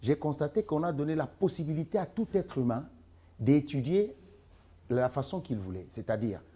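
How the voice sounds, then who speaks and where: A man's voice: a little high, animated, normal speed, mellow, slightly rough. A man from the Democratic Republic of the Congo, answering interview questions as a guest, earnest and emphatic. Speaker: interview guest, entrepreneur and author.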